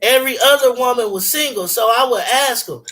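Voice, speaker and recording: Bright high-voiced man in his forties. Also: a little fast, low-quality recording. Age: 40s. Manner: rambling, emphatic, slangy and profane, many restarts. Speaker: caller on a phone conversation. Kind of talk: casual chat, storytelling.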